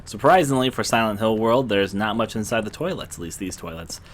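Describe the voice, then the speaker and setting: A man's voice: on the low side, fairly quick. A man giving laid-back, jokey commentary while playing a horror game. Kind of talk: casual gameplay commentary.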